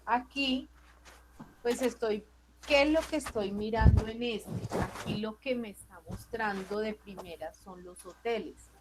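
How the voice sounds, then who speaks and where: A woman's voice: a little high, unhurried, heavy background noise. A woman teacher, walking a class through charts in a patient, question-checking way over a computer mic. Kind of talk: online class explaining spreadsheet charts.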